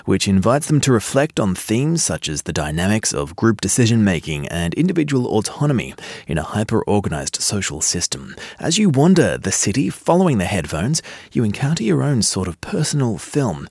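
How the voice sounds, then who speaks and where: A man's voice: lowish voice, sing-song, moderate pace, breathy edge, no echo. A man presenting a radio news magazine, introducing a report with polished scripted delivery. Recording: dry studio sound.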